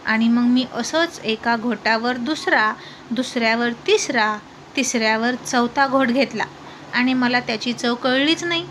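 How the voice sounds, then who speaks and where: A woman's voice: on the high side, a little slow, a bit bright, a little hiss or hum. A woman voicing a tipsy young wife who talks in a childish, pleading, petulant way in a storybook reading. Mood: drunk, whiny. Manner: sing-song, pleading, petulant. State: drunk. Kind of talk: storybook narration.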